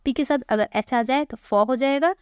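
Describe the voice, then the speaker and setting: A woman with a fairly high voice gives a pronunciation lesson, close to the mic in a dry, dead room. She talks patiently and says each example word slowly, more than once, then asks a question and answers it herself. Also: clean tone, dry recording. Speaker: English teacher. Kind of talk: spoken English pronunciation lesson.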